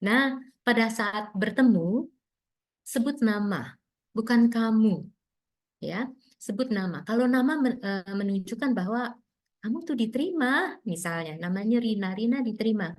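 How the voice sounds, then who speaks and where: A woman speaking to teachers in a webinar, gentle and encouraging, explaining with many examples and acted-out dialogues. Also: mid-range voice, a little slow. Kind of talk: webinar talk.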